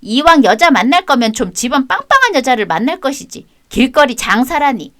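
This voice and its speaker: A woman's voice: high-pitched, sing-song, a little fast, a bit bright. A woman voicing a scornful, bossy sister-in-law. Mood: scolding. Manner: sneering, scolding. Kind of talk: radio drama acting.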